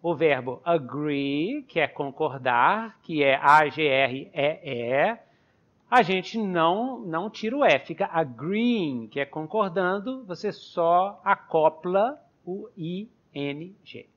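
A man's voice: fairly high pitch, animated, slow pace. Brazilian man teaching English, muffled call. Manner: explains step by step, spells words letter by letter. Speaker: English teacher, podcast co-host. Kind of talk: conversational teaching podcast. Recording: muffled online call audio.

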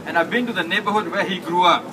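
A man from Singapore giving a humorous, emotional speech at an outdoor rally, with halting restarts. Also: high voice, noisy background. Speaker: village councilman. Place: outdoors on building steps in a crowd. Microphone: handheld mic, filmed by a phone from far off. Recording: distant phone video of a crowded street rally.

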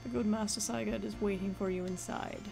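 A woman's voice: mid-range voice, fairly even intonation, a little fast, creaky, over music, natural voice. A woman doing a formal, grumpy old butler. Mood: courteous, formal. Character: elderly butler, deferential old man. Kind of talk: video game dialogue read aloud.

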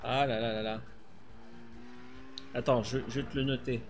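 A middle-aged man streams a rally game from a small room, chatting casually and thinking aloud with plenty of fillers. His voice is medium-pitched and fairly even, at a moderate pace, with slight background noise.

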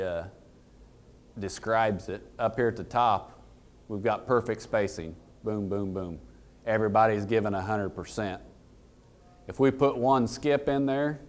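Guy in his 30s, lowish voice, folksy talk on planters to a room full of farmers, asks em questions. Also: darkish tone. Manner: plain-spoken, folksy, asks the audience questions. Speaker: equipment dealer presenter. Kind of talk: casual technical presentation. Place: conference room with audience.

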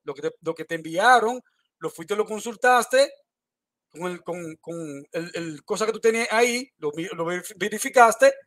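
A man's voice: sits high, moderate pace, a bit bright. A man in a heated online debate, accusing his opponent over and over and laying down challenges.

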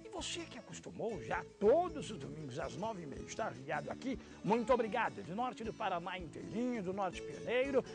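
A man's voice: sits high, very animated, a little fast, creaky, few pauses. A middle-aged man hosting an outdoor TV show on a handheld mic, chatty and exclamatory. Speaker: TV host. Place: outdoor TV set by a rustic cabin. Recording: music playing behind.

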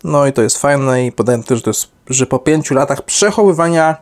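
A man's voice: medium pitch, expressive, fairly quick. A young adult man giving an unscripted product review, rambling with many fillers and self-corrections.

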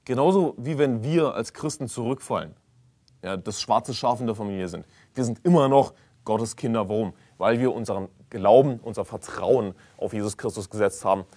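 A man preaching a fiery sermon as pastor. He is emphatic and insistent, repeats key phrases, and swings between quiet stress and loud condemnation. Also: fairly low pitch, moderate pace.

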